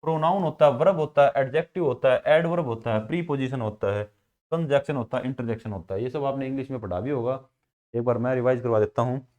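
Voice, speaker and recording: A man's voice: medium pitch, fast, a little mellow. A man with a Haryanvi Hindi accent teaching a school class, asking questions and then answering them himself. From India. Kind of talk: classroom grammar lesson.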